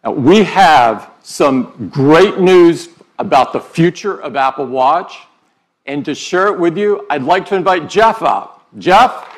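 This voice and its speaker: A middle-aged man hosting a keynote on a large theater stage, introducing the next speaker with measured pacing. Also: a little high, animated, slight background noise, rough recording. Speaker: event host. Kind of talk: keynote presentation.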